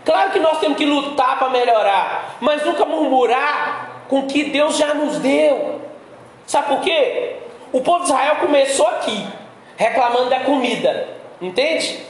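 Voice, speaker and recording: A Brazilian man preaching in a high voice, chatty and direct, with frequent questions to the people listening. The sound rings around a very echoey room. A faint hiss of noise runs underneath. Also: lively intonation, a little slow. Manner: conversational, keeps asking listeners direct questions. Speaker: pastor. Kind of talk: sermon.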